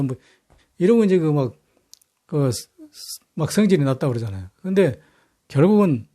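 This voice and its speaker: Male storyteller, casual and rambling, blunt coarse wording, warm tone. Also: medium pitch, no echo, studio quality. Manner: rambling, many fillers and restarts, coarse slang. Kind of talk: casual history storytelling talk.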